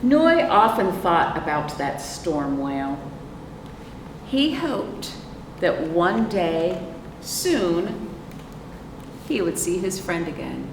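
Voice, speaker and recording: An American librarian with a fairly low pitch reads picture books expressively for young children. Between pages she asks questions and waits for the kids to respond. Captured at a distance, the audio is reverberant, roomy and noisy.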